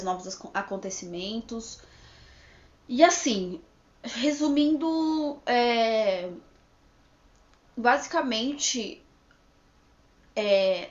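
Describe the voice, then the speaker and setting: A woman in her thirties chatting to camera in a rambling, casual way, with frequent restarts and check-ins. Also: mid-range voice. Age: 30s. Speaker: vlogger. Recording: echoey room, slightly dull lo-fi sound.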